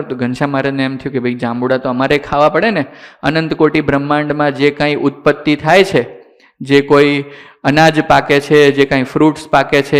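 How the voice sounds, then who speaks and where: Slow-spoken man telling a sacred story. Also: a little high. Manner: asks the listeners questions and answers them; mixes in English words. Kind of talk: sermon storytelling to children.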